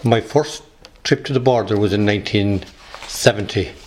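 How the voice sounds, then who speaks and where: A man in his sixties with a west of Ireland accent, recalling his working life in an interview in a halting, hesitant way. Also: lowish voice, a little mellow, a little hiss or hum. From Galway, west of Ireland. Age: 60s. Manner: halting, hesitant delivery with repeated words. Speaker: interviewee, retired police officer. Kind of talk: recollection in an interview.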